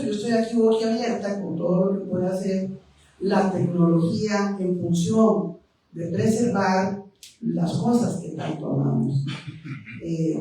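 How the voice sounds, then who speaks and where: A woman speaking as a panelist, expressive with a few hesitations. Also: on the low side, a little hiss or hum. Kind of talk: panel discussion remarks. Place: historic house, event room. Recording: echoey room from far off.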